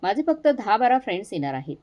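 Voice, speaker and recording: A woman's voice: mid-range voice, big pitch swings, fast talker, a little mellow, highs cut off, close to an everyday voice. A woman voicing a bossy, condescending young wife who scolds her sister-in-law in a storybook reading.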